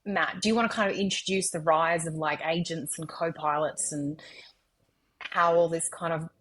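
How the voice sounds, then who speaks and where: A woman co-hosting a podcast, chatting casually about technology, chatty and quick to jump in. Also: low-pitched, fairly even intonation, a bit bright. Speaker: podcast co-host. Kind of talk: casual tech podcast chat.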